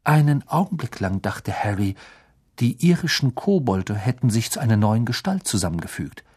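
An audiobook reader narrating a fantasy novel with expressive, dramatic storytelling. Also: mid-range voice, moderate pace, slightly rough.

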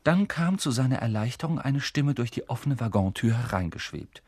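A man's voice: mid-range voice, expressive, normal speed, a little mellow, breathy edge, no echo, studio quality. A man reading a novel aloud in scripted narration, storytelling expressively. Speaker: audiobook reader.

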